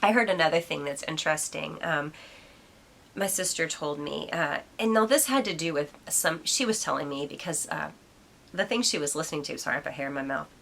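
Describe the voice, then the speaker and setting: A low-pitched woman with a gravelly, creaky edge and a bright, sharp tone. She muses aloud in a casual solo podcast, rambling and reflective. She pauses with frequent ums and turns aside now and then to talk to her cat. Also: lively intonation. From United States. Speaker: podcast host.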